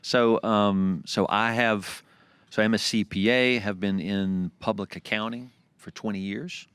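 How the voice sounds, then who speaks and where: A man in his forties with a low, smooth, clear voice talks in a relaxed, easygoing way, laughing often and filling pauses as he chats. The recording is dry and close, with no room sound. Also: dry recording. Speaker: guest, accountant and consultant. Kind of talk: casual interview chat.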